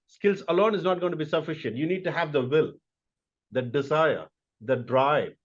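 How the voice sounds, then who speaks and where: A man's voice: a little high, highs cut off. A middle-aged man from India, a corporate executive answering interview questions in an emphatic, motivational way.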